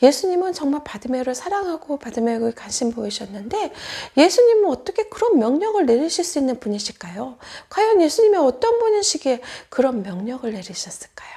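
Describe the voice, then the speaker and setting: A woman children's pastor tells a Sunday school story in a high voice that swings widely in pitch. She keeps asking the children questions and often drops into hushed whispers.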